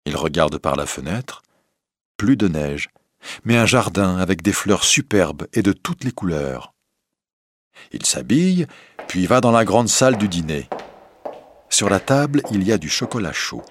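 A man reading a fairy tale aloud as narrator, slow, deliberate and expressive. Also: low-pitched, slightly rough. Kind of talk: scripted storybook narration.

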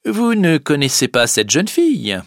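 A man voicing a stern, composed prince in a storybook reading, speaking in a commanding, measured way. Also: a little high, huge pitch swings, no echo, studio quality, voice pushed up, heavily acted.

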